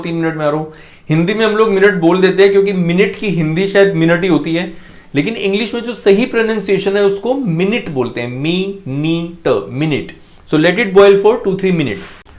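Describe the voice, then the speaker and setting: High-voiced man teaching English while cooking. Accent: Punjabi. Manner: switches to English and says the phrases slowly and carefully; patient, repetitive explaining. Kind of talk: cooking demo as a spoken English lesson.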